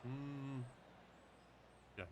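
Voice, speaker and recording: A male game streamer talks casually in short, muttered remarks. His pace is slow and unhurried, and the recording is very noisy with clicking. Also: medium pitch, little pitch movement. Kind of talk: casual gameplay chat.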